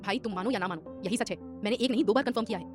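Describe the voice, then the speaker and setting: A woman acts out a cheeky younger brother in a quick-moving audio drama, full of mischief and teasing. Steady music plays behind the voice. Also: mid-range voice, lightly acted. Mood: eager. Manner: mischievous, joking. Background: background music.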